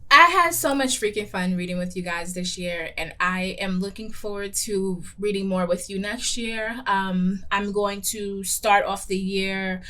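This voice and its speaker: A young woman talks through a book review in a loose, chatty way, filling pauses with ums and throwing in a casual curse now and then. Her voice sits at an ordinary middle pitch. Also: sharp tone. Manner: chatty, candid, frequent ums, playful swearing. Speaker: book reviewer and show host.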